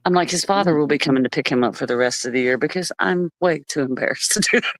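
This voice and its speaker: A woman's voice: low-pitched, fast talker, no room sound. Woman telling stories with laughs. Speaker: live stream co-host. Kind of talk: casual storytelling chat.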